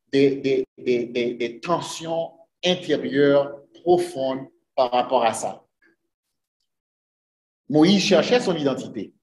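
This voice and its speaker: A man's voice: on the high side, darkish tone. A man preaching a sermon to his congregation, earnest, often putting rhetorical questions to them. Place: church sanctuary. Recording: echoey church room.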